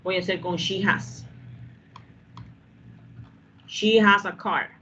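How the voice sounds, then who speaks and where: A woman's voice: mid-range voice, steady tone, slow pace, fairly bright tone. A woman teaching an English grammar lesson, patiently repeating each step and asking whether the class has understood. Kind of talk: classroom explanation. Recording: dull lo-fi sound with faint background hum.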